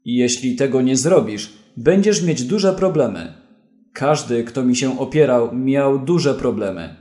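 A man voicing a corrupt policeman who talks quietly and steadily, giving commands. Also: mid-range voice, animated, unhurried, echoey room, lightly acted. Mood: calm, commanding. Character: calm, menacing corrupt male policeman.

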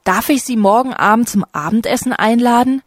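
A woman's voice: a little high, fairly quick, no room sound, studio quality, voice pushed up, natural voice. A woman reading the lines of a friendly young woman in a storybook reading. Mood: polite.

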